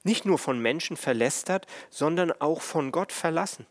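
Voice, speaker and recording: A man preaching a sermon on the Passion in a slow, measured, solemn way. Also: on the high side, animated. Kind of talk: sermon on the stations of the cross.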